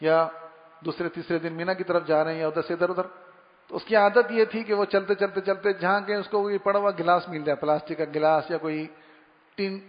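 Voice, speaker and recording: A man's voice: high voice, level tone. A man giving a conversational Islamic sermon on manners, telling stories and imitating everyday sounds as he goes. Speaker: Islamic preacher. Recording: dull recording in a long-reverb hall.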